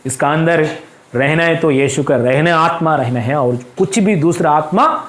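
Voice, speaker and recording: A man's voice: fairly high pitch, normal speed, fairly bright tone. A male pastor preaching a fervent sermon in a church, breaking in with hallelujah again and again. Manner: fervent, repeats hallelujah constantly.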